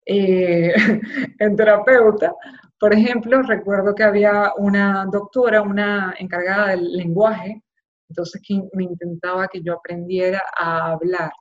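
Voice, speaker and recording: A woman's voice: mid-range voice, a little slow. Candid Maracaibo woman telling her story. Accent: Maracaibo Venezuelan Spanish. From Zulia, Venezuela. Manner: candid and expressive, acting out quoted voices. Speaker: interviewee, journalist. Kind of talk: personal testimony in a conversational interview. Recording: slightly dull lo-fi sound.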